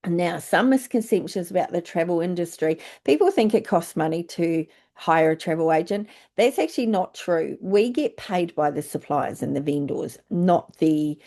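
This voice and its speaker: A woman's voice: fairly low pitch, dark tone. An older woman with a New Zealand accent giving a chatty, informal presentation as a travel agent recruiter, with plenty of fillers.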